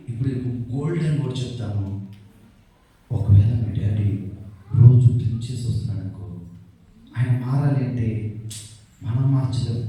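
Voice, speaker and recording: A man doing magic tricks at a children's Bible school and teaching a lesson, animated, calling out to the kids and prompting them to answer. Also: mid-range voice. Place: large echoey church hall. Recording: echoey hall, mic far off, noisy crowd.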